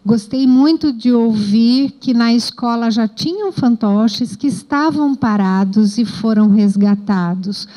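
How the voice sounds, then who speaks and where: A woman's voice: a little high, slow pace, few pauses, dark tone, poor audio. A woman with a Brazilian Portuguese accent, an educator leading a training, giving reflective and encouraging feedback with frequent tag questions.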